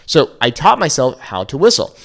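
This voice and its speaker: Male online language teacher, mid-pitched and highly animated, casual, encouraging, clear step-by-step delivery. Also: moderate pace. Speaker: Spanish teacher and video host. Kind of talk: casual instructional talk to viewers.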